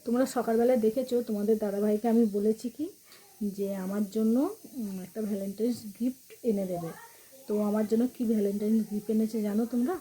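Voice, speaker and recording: A woman records a casual home vlog while she cooks, keeping her voice hushed and gentle. Her tone is mellow and warm, and faint noise sits behind her. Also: medium pitch, fairly even intonation, fast, poor audio. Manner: speaks softly and quietly. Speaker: vlogger. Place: at home, cooking in the kitchen.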